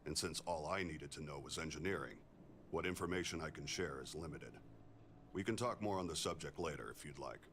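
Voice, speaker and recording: A super low-voiced calm augmented ex-soldier, game character, speaks plain and measured. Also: male voice, slight background noise. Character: augmented male ex-soldier engineer, calm and composed. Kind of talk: video game character dialogue.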